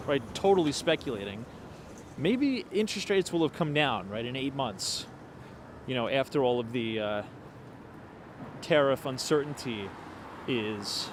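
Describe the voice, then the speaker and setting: A man's voice: mid-range voice, big pitch swings, unhurried, pauses often. A man in his late twenties chatting casually to livestream viewers while walking outdoors on cold city streets at night, thinking aloud with fillers. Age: 20s. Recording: street noise behind.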